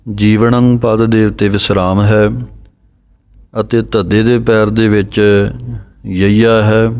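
A man teaching correct scripture recitation, spelling out letters and pauses in a careful, measured way. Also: fairly low pitch, a little mellow, smooth. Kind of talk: slow instructional recitation lesson.

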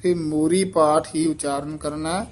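A man leads a recitation lesson at an unhurried pace, his voice sitting a little high for a man. He corrects and models each word patiently, drawing phrases out so every sound is clear. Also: fairly even intonation. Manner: patient and instructive, repeating words slowly and deliberately. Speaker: scripture pronunciation teacher.

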